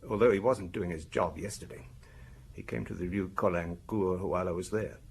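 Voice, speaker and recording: Here the weary, candid husband under police questioning is voiced low, creaky and husky, a full character voice at moderate pace. He defends himself hesitantly, his explanations coming out in fragments.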